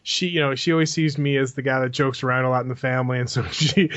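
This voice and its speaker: Animated laughing man, dry lo-fi sound. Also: mid-range voice, fast talker, dry recording. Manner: animated storyteller, laughs often. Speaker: podcast co-host. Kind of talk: casual chat.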